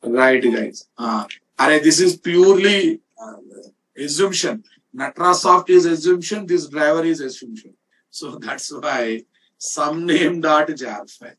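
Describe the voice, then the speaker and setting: Teaching software over a shared screen, this Indian-accented man is informal and emphatic, repeating points and frequently checking on his students. He speaks at a measured pace in a little high, fairly bright voice, picked up by a distant-sounding mic.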